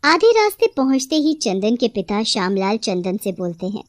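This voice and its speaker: A woman narrating a cartoon story in a steady storytelling way. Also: mid-range voice, normal speed, no room sound.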